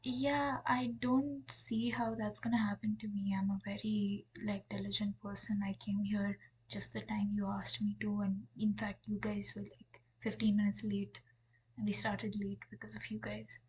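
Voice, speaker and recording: A woman's voice: medium pitch, little pitch movement, normal speed, a little mellow, husky. A young woman tells a story in a candid, exasperated way and swears freely, her voice half-whispered. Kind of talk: storytime vlog.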